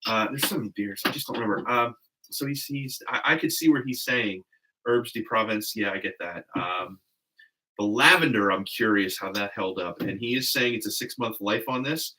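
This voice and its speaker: A man hosting a casual beer-tasting podcast, joking with friends and swearing freely. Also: lowish voice. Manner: quick, lively and profane, joking with friends. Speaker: podcast host. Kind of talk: casual chat.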